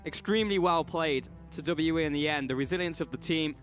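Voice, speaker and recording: High-pitched male esports play-by-play caster. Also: brisk, a bit bright, soft background music. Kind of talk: live game commentary.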